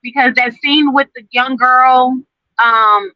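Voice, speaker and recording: A woman joining a casual panel chat over a remote call whose connection keeps breaking up and dropping words, speaking in a measured, deliberate way. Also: high-pitched, fairly even intonation, no room sound. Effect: choppy, breaking-up call connection. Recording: dull lo-fi remote call line.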